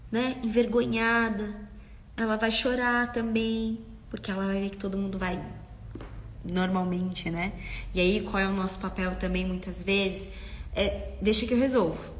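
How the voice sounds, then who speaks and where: Woman, parenting host, slightly high, earnest and checking in often, long reverb on the voice. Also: pushed and bright. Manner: earnest, keeps checking in with listeners; acts out parents and children in quotes. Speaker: parenting educator, host of a live stream. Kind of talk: instructive live-stream talk.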